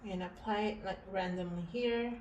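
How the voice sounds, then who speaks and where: A woman giving a casual painting tutorial, thinking aloud in short, halting phrases as she works. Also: medium pitch, a little mellow, lo-fi sound, slight background noise. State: breathing heavily. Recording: echoey room with faint ambience.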